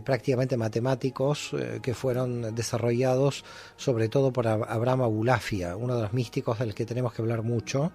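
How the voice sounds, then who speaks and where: A man being interviewed as a guest expert, explaining in a teaching manner with frequent pauses and fillers. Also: mid-range voice, mellow. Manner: didactic, many hesitations. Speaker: guest scholar.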